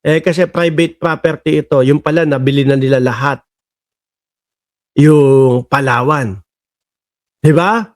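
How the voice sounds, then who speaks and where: A man's voice: fairly high pitch, steady tone, unhurried, pauses often. A man vlogging casual political commentary, mocking and chatty, calling out to his viewers as bosses and countrymen.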